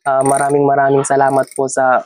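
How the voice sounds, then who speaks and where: A young man, a student, chatting politely and softly giving thanks during an unboxing vlog. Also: medium pitch, a little fast, poor audio. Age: young adult. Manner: polite, flat, soft-spoken thanks. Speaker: student guest. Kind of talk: casual chat.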